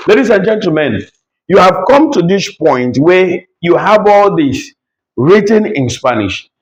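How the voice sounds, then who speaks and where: Guy teaching at a whiteboard, lively up-and-down voice, drills words over and over. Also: high voice, lo-fi sound. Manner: repeats words slowly for drilling, animated. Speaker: language teacher. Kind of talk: whiteboard language lesson.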